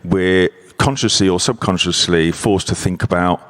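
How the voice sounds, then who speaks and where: Low-voiced man, measured. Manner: measured, structured explanation. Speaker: panelist, investment adviser. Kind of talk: conference panel talk. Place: conference hall.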